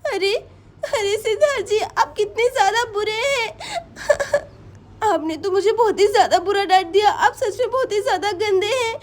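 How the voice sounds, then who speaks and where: A sulky young wife in a doll story pleads and whines in a very high, thin voice, as a woman voices her. Her tearful begging runs through every line. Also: normal speed.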